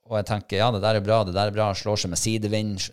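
Middle-aged man, lowish voice, animated casual storyteller. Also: clean tone. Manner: animated, acts out his own thoughts and shouts. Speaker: podcast co-host, hunting dog handler.

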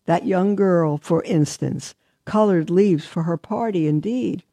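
A woman voicing a vain, haughty fir tree in a high, smug, mocking voice while reading a Christmas story aloud. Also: measured pace, mellow, no room sound. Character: haughty smug fir tree, female-sounding, sharp-tongued.

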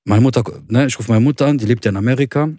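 Animated young man telling a spooky story. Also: mid-range voice, rapid-fire, no room sound, clean studio sound. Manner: animated, swears oaths, acts out quoted voices. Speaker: podcast host. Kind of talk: casual storytelling chat.

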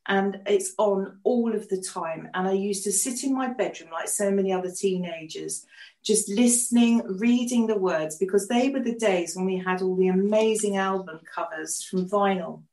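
A woman's voice: medium pitch, normal speed, darkish tone. An older English woman co-hosting a casual podcast chat, telling stories in a chatty way and laughing often. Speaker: co-host and artist. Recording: echoey room.

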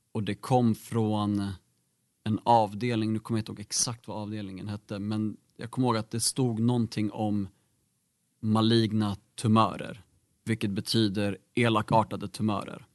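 A man's voice: on the low side, fairly even intonation, no room sound, studio quality. A young man, a guest in an interview, telling a personal story in a candid, reflective way with many fillers.

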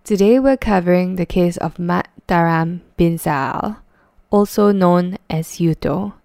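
A woman's voice: fairly low pitch, measured pace, vocal fry, warm tone, smooth, no room sound, clean studio sound. A woman podcast host telling a true-crime story conversationally, with chatty asides and rhetorical questions. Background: faint music.

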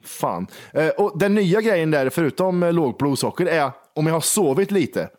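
A man in relaxed conversation with a slightly raised pitch. He tells stories bluntly, laying on the curses as he goes. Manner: blunt, swears, tells anecdotes of losing his temper. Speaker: podcast co-host. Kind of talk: casual chat.

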